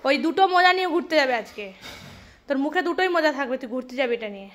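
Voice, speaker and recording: High, fast-talking woman coaxing a dog. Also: animated, fairly bright tone. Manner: coaxing and mock-scolding, baby-talk. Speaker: dog owner. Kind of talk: casual talk to a pet dog.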